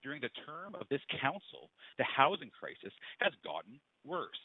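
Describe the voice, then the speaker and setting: A man's voice: medium pitch, huge pitch swings, normal speed, husky, dry recording. A man giving a frustrated, earnest public comment to a council; his voice fades in and out over a remote call. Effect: voice fading in and out over a remote line. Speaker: public speaker at a council meeting. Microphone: remote call microphone held too far. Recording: tinny phone-like remote call audio.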